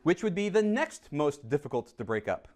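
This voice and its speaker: A man's voice: a little high, moderate pace. A man teaching a chemistry class, coaxing and teasing students as he goes over review problems. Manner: lively, teasing, coaxes students to answer. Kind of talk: classroom lesson.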